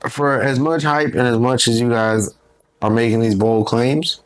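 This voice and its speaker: A man's voice: mid-range voice, fairly even intonation, moderate pace, low-quality recording. A man co-hosting a podcast, giving emphatic, opinionated takes in casual chat and swearing freely. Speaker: podcast co-host.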